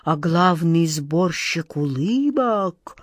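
A woman voicing an older aunt figure who sighs and speaks slowly in a hushed, fearful way. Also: on the low side, lively intonation, husky, no echo, studio quality, full character voice. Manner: sighing, hushed, slow. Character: old aunt, sighing and fearful.

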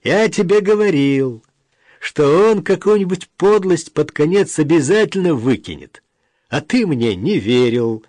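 A man's voice: a little high, animated, unhurried, a little mellow, no echo, voice pushed up. A man voicing a sarcastic, hot-tempered adult son who argues heatedly over an inheritance in an audiobook. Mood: indignant. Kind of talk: audiobook character reading.

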